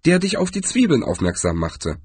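A man's voice: fairly high pitch, huge pitch swings, normal speed, darkish tone, breathy edge, dry recording, pitched above the performer's own voice, heavily acted. A man voicing a small, eager male troll in an audiobook reading.

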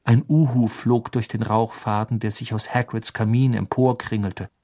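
Man calmly reading an audiobook. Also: lowish voice, moderate pace. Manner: calm, even storytelling. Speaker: audiobook narrator. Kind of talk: scripted audiobook narration.

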